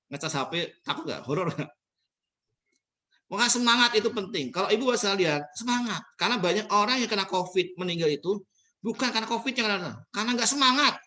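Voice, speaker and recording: A middle-aged man giving an animated motivational talk, acting out quotes from anecdotes and laughing often. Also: high-pitched. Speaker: motivational speaker.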